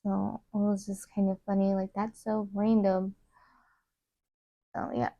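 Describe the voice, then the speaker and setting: A young woman chatting casually while doing her makeup, rambling with many fillers and trailing off into soft asides. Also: medium pitch, flat delivery, unhurried, dry recording. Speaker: beauty vlogger. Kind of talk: casual get-ready-with-me chat.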